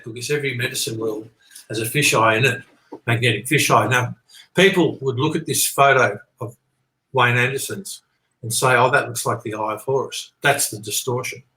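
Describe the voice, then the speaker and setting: A man's voice: medium pitch, sharp tone. A man being interviewed, explaining his ideas in a rambling, earnest, conversational way, often repeating points and checking he is followed. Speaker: interview guest. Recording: echoey, roomy sound.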